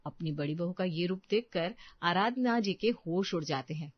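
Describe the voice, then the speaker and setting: A woman's voice: on the low side, expressive, normal speed, no echo. Woman narrating a family drama. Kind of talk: storytelling narration. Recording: dull dry lo-fi sound.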